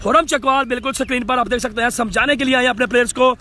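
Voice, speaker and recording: A man giving excitable live cricket commentary, repeating phrases, stretching out calls and dropping in English phrases. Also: very high voice, rapid-fire. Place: outdoors at a cricket ground. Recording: outdoor crowd and traffic noise.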